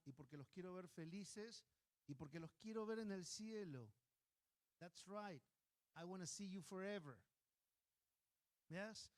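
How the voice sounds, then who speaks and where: A male pastor with a fairly high voice delivering a sermon. He tells stories with animation, jumping into squeaky voices for the characters and often asking the listeners "right?" to keep them with him. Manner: animated storyteller, acting out a baby and parents in high voices; earnest, repeats "¿sí?" to the listeners.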